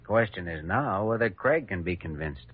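Low-voiced, earnest Doctor Kildare. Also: male voice, expressive, normal speed. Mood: kindly. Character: earnest, kindly, determined young male hospital doctor. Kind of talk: 1940s radio drama acting. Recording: muffled, hissy vintage radio recording.

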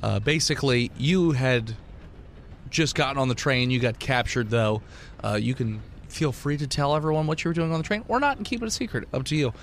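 Improvising his narration, this man hosts as game master of a podcast and describes scenes in an easygoing, chatty way. His medium-pitched voice has lively intonation and a fairly quick pace, and background noise is clearly audible.

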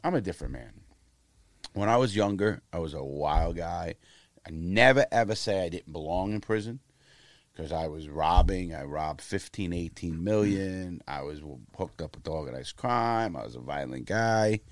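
With a low voice and a moderate pace, a man in his 50s is heard with no room sound. He's an interview guest telling casual stories in a blunt, profane, animated manner.

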